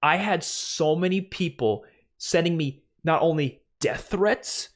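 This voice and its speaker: A young adult streamer with a light New York accent fields viewer questions during a home live stream, animated, swearing, easygoing and laughing a lot, yet keeping a measured pace. He sits close to a boom-mounted studio mic in a small room, wearing headphones.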